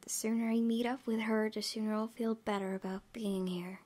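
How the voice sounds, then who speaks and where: Her warm, somewhat high voice moves little in pitch and keeps a normal speed as she hosts a let's play, expressively voicing visual novel text and giggling through off-the-cuff comments. Background noise and ambience are clearly audible.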